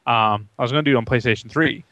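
A man's voice: medium pitch, racing, fairly bright tone, no room sound, highs cut off. A man chatting casually on a gaming podcast, joking and laughing as he talks. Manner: jokey, chatty, laughs mid-sentence.

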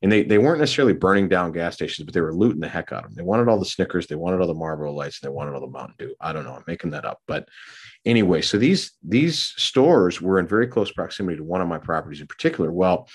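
A man's voice: low-pitched, lively intonation, fast talker, slightly rough. A middle-aged man from Minneapolis, co-hosting a podcast and telling a long, rambling story with many fillers and restarts. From Minneapolis area. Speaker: podcast co-host. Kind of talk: casual storytelling.

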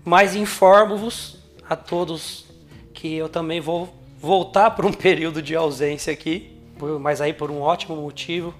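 A man's voice: on the high side, steady tone, measured pace, faint music behind. A man speaking through a voice changer with a Brazilian Portuguese accent, an earnest podcast co-host reflecting on faith. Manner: earnest, emphatic repetition. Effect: voice changer, altered voice.

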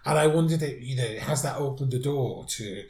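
On a podcast he co-hosts, this man chats thoughtfully about songs in a relaxed review, frequently starting over mid-thought. His voice sits in the middle range, a little mellow, and he speaks briskly; the room adds noticeable echo.

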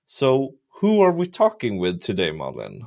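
This Swedish podcast host has a fairly low, creaky, slightly mellow voice whose pitch swoops wildly at a moderate pace. He's easygoing and agreeable in casual chat, saying "yeah" a lot.

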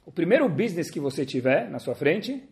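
A man doing a calm wise old rebbe. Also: on the high side, fairly quick. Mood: reassuring. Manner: reassuring, instructive.

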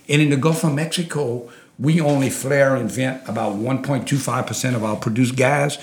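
A man's voice: mid-range voice, fairly even intonation, normal speed. A man speaks in a thick Louisiana Cajun accent, with a mid-range voice in a roomy, echoing space. He explains persuasively, as an interview guest would, and leans on repeated phrases to drive points home. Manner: emphatic, repeats phrases for weight. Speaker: interview guest, oil industry advocate.

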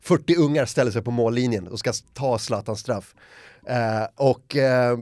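A man's voice: mid-range voice, no echo, studio quality. A middle-aged man chatting casually, telling a funny story and acting out the voices of others. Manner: animated storyteller who acts out other people's lines. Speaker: podcast guest. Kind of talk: casual chat, anecdote.

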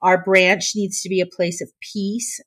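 A woman's voice: fairly low pitch, level tone, measured pace, a bit bright. A woman co-hosting a casual news chat podcast, earnest in tone, reading quoted passages aloud. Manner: earnest, reads quotes aloud, gets teary. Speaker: podcast co-host.

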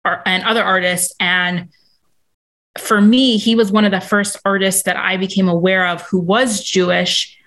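A woman's voice: medium pitch, fairly even intonation, a little slow, a bit bright. A woman talking as a podcast guest, sharing a meandering, chatty story in casual interview conversation.

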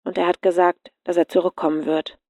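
A woman's voice: on the low side, level tone, a little fast, darkish tone, dry recording, studio quality. A woman reading aloud and voicing a shaken young woman who pleads in a whiny voice. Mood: stunned calm. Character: upset young woman, friend in trouble.

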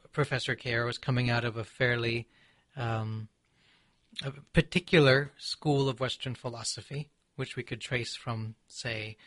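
A man from Seattle, an author and poet being interviewed, who speaks in a measured, reflective way with frequent pauses and ums. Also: mid-range voice, fairly bright tone, dry recording. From Seattle, USA. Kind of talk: thoughtful conversational interview.

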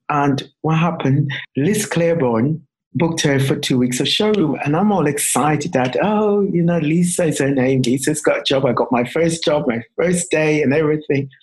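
A man from England, a podcast guest, telling a story with animated, acted-out quotes. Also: on the high side, slightly rough, poor audio. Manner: animated, acts out quoted voices. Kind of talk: storytelling in a casual interview.

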